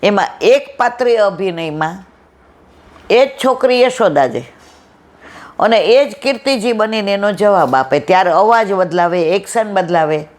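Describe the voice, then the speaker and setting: A woman's voice: medium pitch, lively intonation, measured pace. Woman doing a satsang talk, chatty storytelling, acts out the dialogue bits. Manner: conversational, acts out quoted dialogue. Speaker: satsang speaker. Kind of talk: devotional discourse with storytelling.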